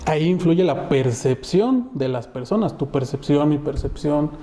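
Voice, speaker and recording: A man co-hosting a webinar, musing aloud and asking thoughtful questions. His voice is slightly high and mellow. The room is echoey, with faint noise behind him. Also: expressive, normal speed. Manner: interjects short agreements, asks reflective questions. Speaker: webinar co-host. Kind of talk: conversational webinar discussion.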